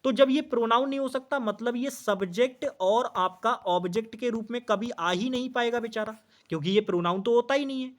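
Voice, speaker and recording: A man's voice: very high-pitched, fairly quick. Man teaching an exam grammar lesson. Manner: asks questions and answers them himself, repeats key points; addresses students as brother. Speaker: English teacher.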